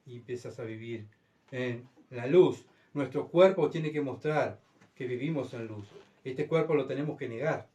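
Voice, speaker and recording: A Uruguayan-accented man preaches a sermon in a fairly high voice, heard from some distance from the mic. He moves between urgent, loud outbursts and hushed, low passages. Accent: Uruguayan Spanish. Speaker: pastor.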